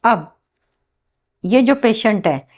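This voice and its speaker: A woman demonstrating and explaining a healing ritual step by step, in a slow, instructive manner. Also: a little high, expressive. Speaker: healing teacher.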